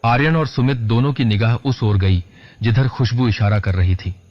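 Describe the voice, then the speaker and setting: A man giving a dramatic, measured scripted horror narration in a lo-fi recording. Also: medium pitch. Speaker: horror storyteller. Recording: lo-fi dull recording.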